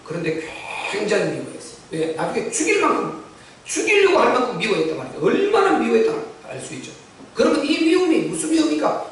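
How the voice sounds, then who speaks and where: A male pastor preaching a sermon, telling the story with animated delivery and acting out the lines of the people in it. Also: very high-pitched. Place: church sanctuary. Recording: echoey church hall from far off.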